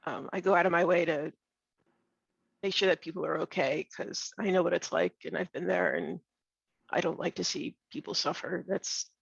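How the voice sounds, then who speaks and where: A middle-aged woman talks bluntly on a video call, her voice rough, gravelly and husky because she is losing it. She halts and restarts as she thinks. The sound is dry and a little muffled. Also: lowish voice, steady tone, dry recording. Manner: blunt, candid, halting with restarts. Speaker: webinar participant. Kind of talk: casual discussion on a video call.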